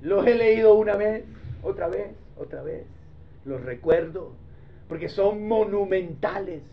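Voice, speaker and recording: A man pastor preaching a sermon in a lively, joking way, speaking directly to his congregation. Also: high voice, measured pace, slight background noise. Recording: dull lo-fi recording.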